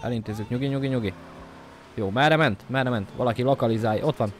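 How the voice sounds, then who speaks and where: A man giving casual let's-play commentary, joking to his viewers and breaking into excited yelps and shouts at the game. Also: medium pitch, a little hiss or hum. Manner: jokey self-talk to viewers. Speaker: gameplay commentator.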